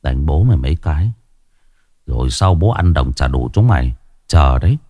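A man's voice: very animated, normal speed, dark tone, no room sound, full character voice. A man voicing a sullen young village thief muttering threats under his breath. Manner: low muttering.

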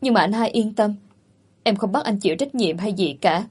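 In this storybook reading, a woman voices a crafty young woman who puts on a pleading, tearful act. The voice has a husky, breathy edge and sits at an ordinary pitch. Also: expressive, moderate pace, a little mellow. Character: young woman, sly, plays the pitiful victim.

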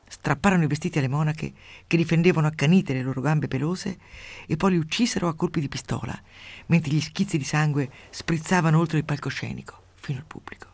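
A woman radio host reading a literary passage aloud with dramatic swings from hushed to loud, then chatting with a guest. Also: sits low, a little fast, gravelly, no echo.

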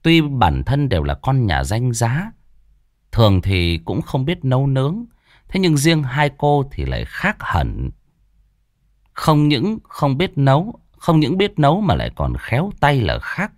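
A man's voice: mid-range voice, huge pitch swings, unhurried, dry recording, clean studio sound. A man narrating a horror story in a dramatic, vivid storytelling manner.

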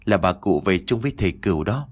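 A man's voice: low-pitched, lively intonation, fast. A man voicing a devoted young wife in an audio story, anxious and pleading. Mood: tender.

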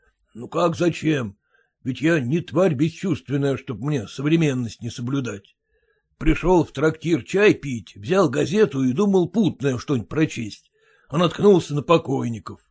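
A man's voice: medium pitch, expressive, a little slow, a little mellow, breathy edge. A man voicing a fussy, self-important merchant husband who lectures and grumbles. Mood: grumbling. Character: pompous fussy merchant husband, fearful of typhus.

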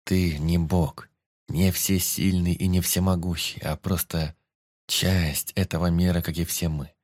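Man voicing a calm wise celestial man, slow soothing delivery, deep voice, audiobook. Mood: gentle consoling. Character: gentle wise male celestial being.

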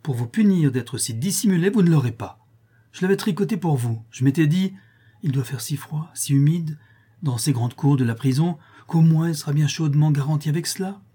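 A man's voice: on the high side, breathy edge, voice pushed up. A man voicing a playful, teasing young working girl who scolds her friend fondly. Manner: playful, scolding, bright and quick. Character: lively teasing young woman, a grisette.

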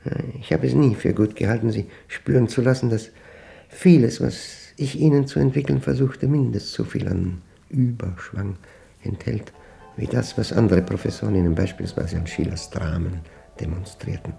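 In a German radio play monologue, an actor portrays a lonely, orderly male maths professor, speaking standard German in a reflective, pedantic, halting, self-questioning way. His lowish voice is gravelly and mellow, with faint music behind it. The mood is quietly impassioned.

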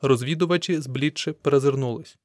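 A man narrating an audiobook in a steady, measured reading. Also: mid-range voice, dry recording, clean studio sound. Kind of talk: scripted narration.

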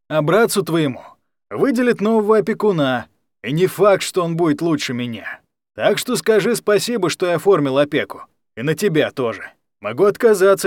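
A man voicing a coarse, mocking male guardian who speaks gruffly and with a sneer, in a read-aloud story. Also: on the high side, dry recording.

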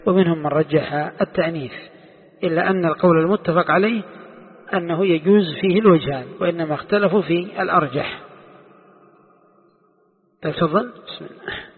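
A man teaching a classical religious text. He explains slowly, repeats his phrases, and asks the listeners questions. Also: on the high side, slightly rough. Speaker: Islamic scholar teaching tafsir. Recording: tinny phone-like sound with long hall reverb.

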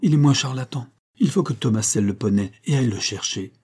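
A brusque, hearty older clergyman from a storybook, as a man reads him. He talks briskly in a dark, slightly husky voice. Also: mid-range voice, close to an everyday voice.

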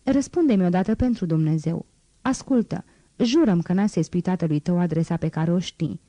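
An eager, lovestruck young man pleads urgently, as a woman reads his lines in an audiobook. The voice sits lowish and mellow, and the recording is dry and close. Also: dry recording. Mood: pleading. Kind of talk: audiobook reading.

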